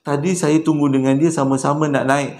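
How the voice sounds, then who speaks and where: A man voicing a quiet young man who speaks hesitantly. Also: on the high side, little pitch movement, fairly quick, a little hiss or hum, lightly acted. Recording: roomy echo.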